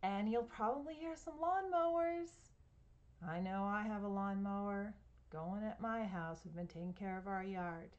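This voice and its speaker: Woman reading a picture book aloud at home, gentle and inviting, with pauses for questions to young listeners. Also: medium pitch, dull audio. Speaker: children's story reader.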